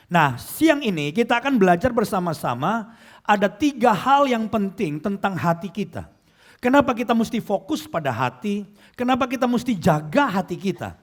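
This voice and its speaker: A male pastor preaching a sermon, often putting questions to the congregation and calling them brothers and sisters, slowing down on key phrases. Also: high-pitched.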